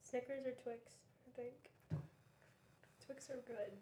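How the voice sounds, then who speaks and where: A young woman in a casual roundtable chat, teasing and quick to fire questions. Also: on the high side, steady tone, dark tone, slight background noise. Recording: roomy echo.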